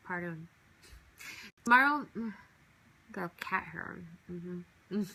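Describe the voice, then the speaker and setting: A woman's voice: lowish voice, animated, takes it slowly, poor audio. A woman hosting her own podcast from home, talking in a casual, reflective monologue that turns to heated venting, swearing freely. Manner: reflective, drifting between soft musing and heated venting. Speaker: podcast host.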